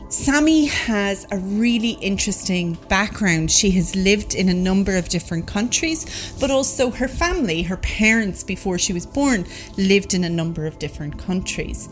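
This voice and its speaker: A woman with an Irish accent interviewing her sister-in-law in a measured, thoughtful way. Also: medium pitch. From Ireland. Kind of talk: recorded conversation.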